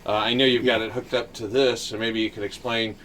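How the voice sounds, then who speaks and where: A man casually interviewing someone as he records, asking halting, prompting questions. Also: level tone. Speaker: interviewer recording his father. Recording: loud mechanical rumble over voice.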